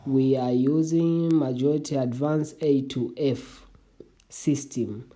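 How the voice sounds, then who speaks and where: In a warm, mid-range voice with fairly even intonation, a young adult vlogger whose first language is Swahili walks viewers through an online application. It's casual and halting, with many restarts, and the audience is called "family."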